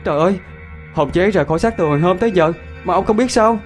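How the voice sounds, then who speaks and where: A man voicing a small ghost child who pleads urgently in a high voice. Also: racing, faint music behind, close to an everyday voice. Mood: pleading.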